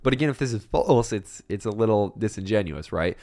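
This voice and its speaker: A young man hosting a casual crypto video, chatty and rambling, with a voice that is a bit rough today. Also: fairly low pitch, animated, fairly quick, darkish tone. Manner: chatty and rambling, many fillers and restarts. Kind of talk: casual market commentary.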